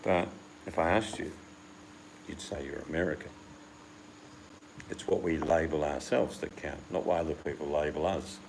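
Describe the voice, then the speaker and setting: A man with a very low voice and a gravelly, crackly edge, talking in a loose, rambling chat. He hosts the talk and slips into the voices of the people he quotes. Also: steady tone, normal speed, pauses often. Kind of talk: casual chat.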